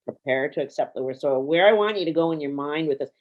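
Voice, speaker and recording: A woman coaching someone through a guided exercise, calm and deliberate, repeating key phrases. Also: deep voice, highs cut off. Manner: calm, slow and repetitive, drawing out key phrases.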